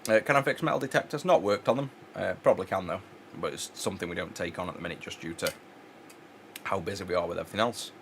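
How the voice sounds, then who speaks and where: A man with a low voice talks loosely while he works on electronics at his bench. He rambles, restarts his sentences and fills gaps with ums. A faint noise sits under the recording. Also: fast. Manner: rambling, many fillers and restarts. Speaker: electronics repair channel host. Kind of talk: casual chat while working.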